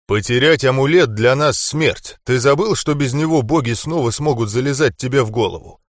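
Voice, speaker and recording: A wordy, riddling male spirit voice inside the hero's head, as a male reader does it, close to the reader's own pitch. He talks cryptically, in a dry, close storybook reading. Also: moderate pace, no room sound, lightly acted. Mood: stern.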